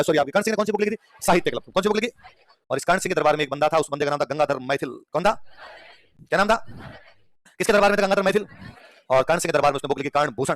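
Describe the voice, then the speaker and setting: A man racing through an exam revision lecture at a breakneck pace, with a high voice for a man. He quizzes the class without pause, repeating each question and laughing between points. The sound is dry and close. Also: dry recording. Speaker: history teacher.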